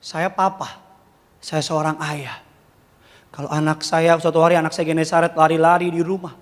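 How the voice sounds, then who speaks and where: A man preaching a sermon as a pastor, animated and humorous, firing rhetorical questions at his congregation. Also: a little high, moderate pace. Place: large church hall. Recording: long church reverb.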